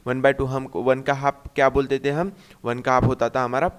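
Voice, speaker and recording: एक पुरुष गणित शिक्षक, मराठी लहजे वाली हिंदी में, हर कदम दोहराते हुए खुद सवाल पूछकर खुद जवाब देता है और अंग्रेज़ी गिनती मिलाता है।. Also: male voice, mid-range voice, flat delivery, normal speed, smooth. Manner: repeats steps, asks and answers himself; mixes English number words into Hindi. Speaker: math teacher. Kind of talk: classroom-style math lesson.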